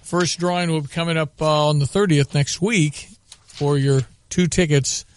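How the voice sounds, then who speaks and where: High-voiced man hosting local radio. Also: fairly even intonation, moderate pace. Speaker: local sports radio host. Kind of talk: live radio ad reads and announcements.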